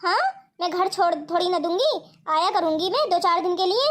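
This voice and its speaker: एक औरत कार्टून में ज़िद्दी, तुनकमिज़ाज बड़ी बहन दुल्हन की आवाज़ देती है, तीखे ताने भरे जवाबों के साथ।. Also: female voice, extremely high pitch, expressive, fairly quick. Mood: stubborn. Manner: sharp, quarrelsome retorts. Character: stubborn plump elder sister, young bride. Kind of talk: cartoon voice acting.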